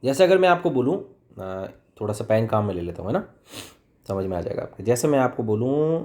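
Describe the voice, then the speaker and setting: A man's voice: mid-range voice, big pitch swings, brisk, darkish tone. A man with a Hindi accent teaching English vocabulary in a chatty classroom style, asking and answering his own questions. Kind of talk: classroom lesson explaining vocabulary.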